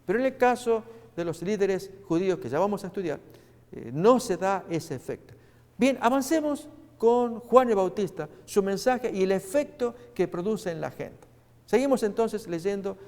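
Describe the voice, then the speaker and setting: A man preaching a sermon in a high, gravelly voice. He talks earnestly and directly to his listeners, stopping often with fillers. His voice rings with a long hall reverb. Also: lively intonation, moderate pace, a little mellow.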